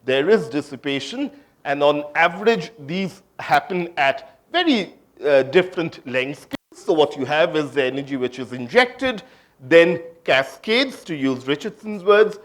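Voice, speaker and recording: A man's voice: a little high, expressive, a little slow. A man from India giving an academic conference talk on physics, hesitant, with many fillers and restarts. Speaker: physics lecturer.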